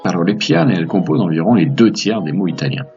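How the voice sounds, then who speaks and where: A man's voice: sits low, animated, fast, darkish tone, dull audio, faint music behind. A man hosting a language lesson, explaining grammar to viewers in an upbeat, patient way with playful asides. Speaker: language teacher, host.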